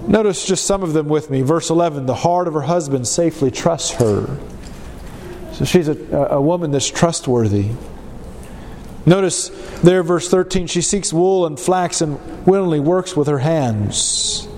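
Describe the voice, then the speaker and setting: A man's voice: fairly high pitch, a little slow, darkish tone. A man preaching a Bible lesson with a congested, pinched-nose sound from a cold, teaching emphatically with repetition and rhetorical questions. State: stuffed up with a cold. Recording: echoey hall, long reverb, faint background noise.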